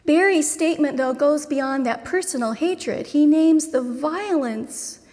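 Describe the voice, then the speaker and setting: Slow, high-voiced woman preaching in a hall. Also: a little mellow. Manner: slow, deliberate preaching with measured pauses. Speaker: pastor. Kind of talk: sermon. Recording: long reverb of a large hall.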